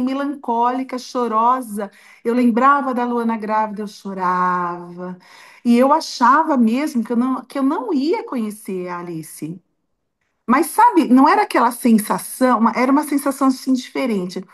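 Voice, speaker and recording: A woman's voice: fairly high pitch, big pitch swings, normal speed. A middle-aged Brazilian woman and grandmother, telling a personal story in an interview in a heartfelt, emotional way with many restarts. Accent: Brazilian Portuguese. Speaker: interview guest.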